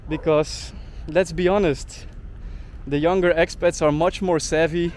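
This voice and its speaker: A young adult travel vlogger rants indignantly through a monologue, cramming in "like" as a filler constantly. His voice is a little high and a little mellow, with a steady tone and an unhurried pace.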